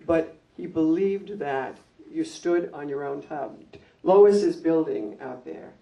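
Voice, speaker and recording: An older woman, a former school principal, reminiscing at a community gathering in an anecdotal, measured way with frequent ums. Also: sits low, animated, vocal fry, highs cut off. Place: library meeting room. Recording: distant mic.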